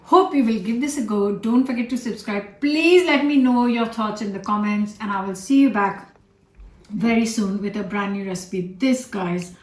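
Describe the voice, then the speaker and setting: A woman's voice: medium pitch, normal speed, darkish tone. A woman hosting a home cooking video, chatting casually and gushing over the food in her kitchen. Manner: gushing, enthusiastic about food. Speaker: cooking show host. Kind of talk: casual cooking chat to camera.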